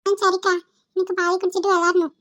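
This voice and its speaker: A woman's voice: very high voice, little pitch movement, quick pace, fairly bright tone, pitched above the performer's own voice. Woman doing a whiny hungry little boy. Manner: whiny, childlike pleading.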